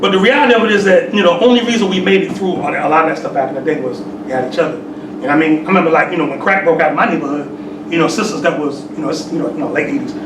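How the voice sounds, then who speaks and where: Casting: man in his forties, high-pitched, streetwise sermon delivery, recorded from afar. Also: racing, recorded from a distance. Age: 40s. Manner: streetwise, peppered with "you know what I'm saying". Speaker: temple sheik. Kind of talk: conversational sermon. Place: temple hall. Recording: echoey room, mic from afar, hissy.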